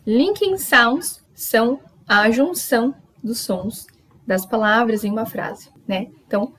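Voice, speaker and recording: Woman from Brazil, English teacher, fairly high voice, slow careful repetitions, close mic indoors. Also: rough recording. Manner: explains step by step, repeats model words slowly. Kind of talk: YouTube pronunciation lesson.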